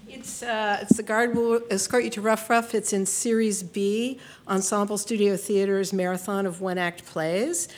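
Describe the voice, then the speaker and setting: A woman plugging a theater production, briskly listing performance dates and a web address. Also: medium pitch, fairly even intonation. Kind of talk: casual promotion.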